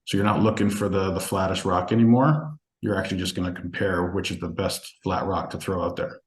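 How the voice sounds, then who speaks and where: Brief: low-pitched male webinar presenter, fast and chatty, keeps asking listeners if they follow, roomy echoey video call audio. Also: fairly even intonation. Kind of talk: casual sales presentation.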